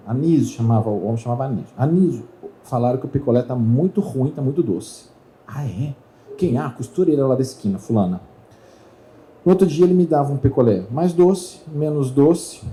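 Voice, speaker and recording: A man's voice: a little high, low-quality recording. A middle-aged man tells a story to an audience at a trade fair, acting out the voices of the people in it. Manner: animated storyteller who acts out voices in dialogue. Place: talk stage at a trade fair.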